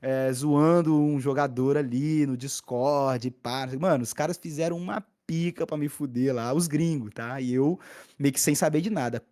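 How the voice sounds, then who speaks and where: A young adult man, a podcast guest, telling a story in a casual, slangy, animated way with many restarts. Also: a little high. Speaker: podcast guest, gaming content creator.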